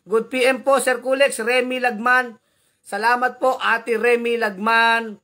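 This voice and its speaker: A man's voice: very high-pitched, flat delivery, unhurried, bright, forceful tone. A man hosting a casual live commentary vlog, reading out viewer comments with chatty, teasing asides, frequent tag questions and easy chuckles.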